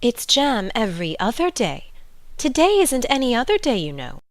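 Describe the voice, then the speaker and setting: A man voicing a helpless, muddled old queen in a storybook, thin and breathy, with a plaintive, melancholy manner. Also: very high-pitched, huge pitch swings, normal speed, voice pushed up, heavily acted. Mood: dotty, insistent. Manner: plaintive, sighing, dotty.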